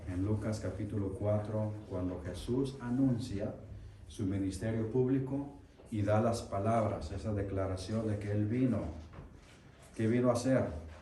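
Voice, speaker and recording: A man's voice: on the low side, dark tone, a little hiss or hum. A male chaplain preaching in a church, putting questions to the congregation and repeating their answers. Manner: slows and rises when reading scripture aloud. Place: church sanctuary. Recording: echoey church hall, mic at a distance.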